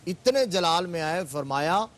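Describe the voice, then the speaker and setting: A man's voice: a little high, expressive, a bit bright. Fervent male religious scholar on TV. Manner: fervent, building to emphatic exclamations. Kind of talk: religious TV discussion, storytelling. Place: TV studio.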